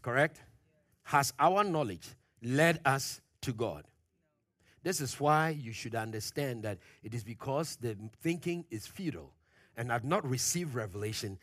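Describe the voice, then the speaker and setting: In a clean studio recording with no room sound, a pastor preaches to his congregation. He presses his arguments through questions, booming at the high points and falling soft and low at the close of phrases.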